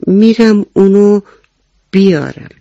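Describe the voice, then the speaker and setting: A man's voice: high-pitched, vocal fry, mellow, no room sound, dull audio, voice pushed up. A man voicing a small, timid boy mouse with a thin voice in a children's story. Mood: earnest.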